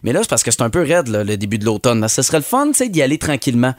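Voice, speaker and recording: A man's voice: mid-range voice, racing. A man with a Quebec French accent hosting a radio show, joking and ranting playfully in casual banter. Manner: playful, joking, animated rants. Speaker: radio host. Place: radio studio. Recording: music bed under the talk.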